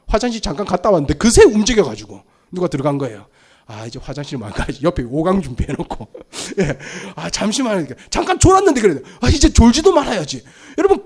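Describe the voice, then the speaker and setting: High-voiced, animated male preacher. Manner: animated storytelling, acting out scenes. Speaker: pastor. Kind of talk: sermon.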